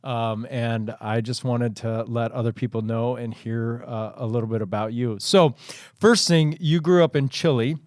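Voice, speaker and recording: A man hosts a casual podcast interview, asking questions in an upbeat, friendly, joking manner. His voice sits in a mid pitch and is recorded close and dry, with no room sound. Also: moderate pace, hardly any pauses, no echo. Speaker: podcast host.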